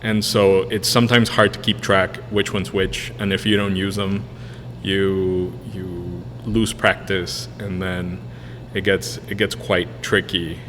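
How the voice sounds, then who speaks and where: Speaking slowly in a low, flat, slightly bright voice, a Spanish-speaking man in his thirties co-owns a brewery and appears as a podcast guest. Originally from a Spanish-speaking country, he has lived in the US since 1999. His interview replies ramble with frequent fillers and restarts; the recording has long room reverb and faint noise.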